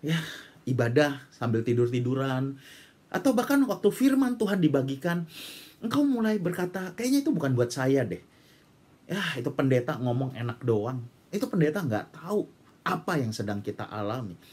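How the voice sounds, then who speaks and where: A man's voice: mid-range voice, moderate pace, breathy edge. A male pastor preaching with fervent exhortation and bursts of prayer in tongues. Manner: animated, exhorting, breaks into speaking in tongues.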